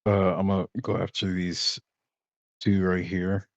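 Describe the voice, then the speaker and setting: A man's voice: sits low, completely flat delivery, measured pace, creaky, no room sound, dull audio. A man playing a tabletop game who speaks in short, hesitant remarks. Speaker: player. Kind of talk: casual tabletop play.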